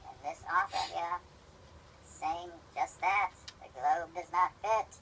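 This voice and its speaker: A man in a played video clip whose voice is pitch-shifted up into a chipmunk voice, explaining a claim aloud. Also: fairly even intonation, takes it slowly, creaky, bright, forceful tone, a little hiss or hum.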